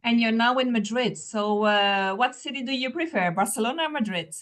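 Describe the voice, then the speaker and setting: A woman's voice: a little high, a little fast, fairly bright tone. A woman hosting a panel chat, casually thanking speakers and passing questions along. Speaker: host. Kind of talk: casual moderating.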